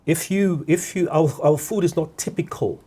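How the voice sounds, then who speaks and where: A middle-aged podcast guest from Guyana has a husky, dark voice that sits on the high side. In a reflective discussion he stays measured, repeats words, and often asks "all right?" to check in.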